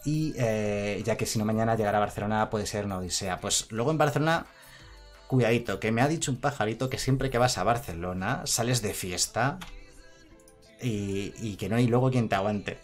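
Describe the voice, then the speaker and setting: A man's voice: lowish voice, normal speed, faint music behind. A man streaming a card game, chatting casually, reading chat aloud and laughing often. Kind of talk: casual live-stream commentary.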